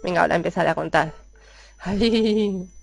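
Chatty woman from Spain, excitable. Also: a little high, normal speed. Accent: Spanish from Spain. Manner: chatty and excitable, reads villager dialogue aloud. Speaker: gaming YouTuber. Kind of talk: casual game commentary.

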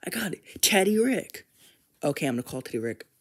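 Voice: medium pitch, sing-song, fairly quick, fairly bright tone, husky. Brief: a fan doing a stuttering, mischievous old scientist man for a plush toy skit, uh-filled and teasing. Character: stammering male scientist grandpa, cranky and mischievous.

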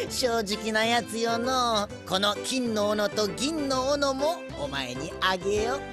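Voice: mid-range voice, expressive, takes it slowly. An actor voicing a playful old lake god in a children's cartoon, grand and archaic but slipping into chatty boasting. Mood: pleased. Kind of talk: children's anime cartoon acting. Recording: loud music under the voice.

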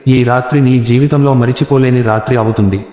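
A man reading the lines of a sly, menacing female ghost hitchhiker, soft and teasing, in an echoey, reverberant room. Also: medium pitch, steady tone, a little fast, lo-fi sound, natural voice.

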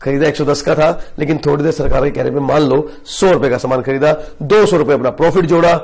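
A man's voice: a little high, brisk, breathy edge. A man teaching a class with a Hindi accent, explaining step by step and acting out short dialogues. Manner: lively explaining, acts out little dialogues, keeps addressing listeners as sir. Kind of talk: classroom lecture.

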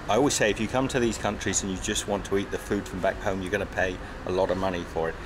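On a sunny street and inside a supermarket, a man in his fifties vlogs his travels, talking in an upbeat, chatty way and thinking out loud. His voice is lowish, and he holds an action camera at arm's length, so street noise can be heard behind him.

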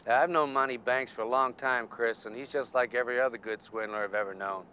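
A man's voice: medium pitch, fairly even intonation, quick pace, bright, forceful tone, natural voice. An actor playing a wry, folksy middle-aged man in a TV drama. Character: wry middle-aged male acquaintance advising a detective. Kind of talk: TV drama acting. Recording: faint outdoor traffic noise.

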